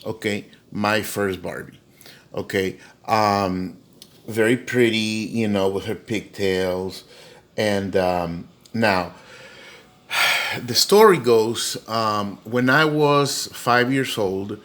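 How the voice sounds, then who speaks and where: A middle-aged man who collects dolls tells a childhood story at home for his vlog. He rambles slowly with plenty of fillers in a somewhat bright voice, jumping into a high voice for quoted lines.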